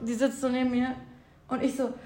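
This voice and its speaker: A young woman in casual chat, telling a story with animated quoted voices and frequent laughter. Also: sits high, a little fast.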